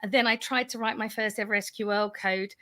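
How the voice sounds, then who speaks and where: A woman with a bright, forceful voice tells her story as a panel guest on a video call. She is lively and self-deprecating, and she laughs through the funny parts. Her pitch sits mid-range for a woman. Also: fairly quick.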